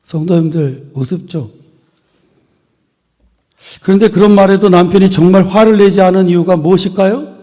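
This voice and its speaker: A male pastor preaching a sermon to his congregation in a church, building phrases up with emphasis and letting them fall soft at the ends. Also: high-pitched, moderate pace, long pauses. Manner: earnest preaching with swelling emphasis and soft trailing endings. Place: church sanctuary. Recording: long reverb of a church hall.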